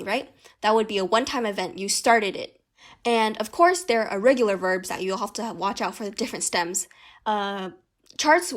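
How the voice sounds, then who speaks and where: A woman's voice: mid-range voice, fairly bright tone. A young woman hosting a podcast, giving a lesson and explaining step by step as she spells out word endings. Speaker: host.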